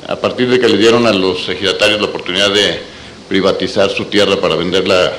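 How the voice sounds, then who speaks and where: A Mexican-accented man with a fairly low voice comments from the audience at a conference. He explains his point politely, with some noise and ambience behind him. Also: fairly even intonation, quick pace, fairly bright tone, low-quality recording. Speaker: architect, audience member commenting. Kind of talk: spoken comment in a question session. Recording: background noise and room ambience.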